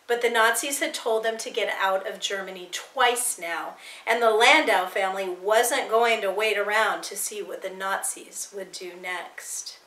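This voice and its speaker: A woman teacher reading a novel aloud to her students with expressive, dramatic storytelling. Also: medium pitch, unhurried, few pauses. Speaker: English teacher. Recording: echoey room.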